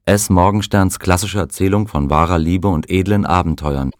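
Deep-voiced guy reading an audiobook, calm, dry studio sound. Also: normal speed, dry recording. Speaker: narrator. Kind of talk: audiobook narration.

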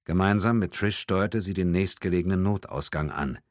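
A man reading an audiobook in a measured, tense storytelling manner. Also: low voice, dry recording, studio quality. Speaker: audiobook narrator. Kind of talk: scripted audiobook narration.

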